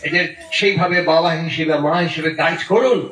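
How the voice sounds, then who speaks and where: A man's voice: a little high, fairly quick, fairly bright tone. A middle-aged man with a Bengali accent giving an impassioned devotional sermon, repeating his phrases as he tells a story. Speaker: satsang speaker. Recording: echoey hall, distant mic.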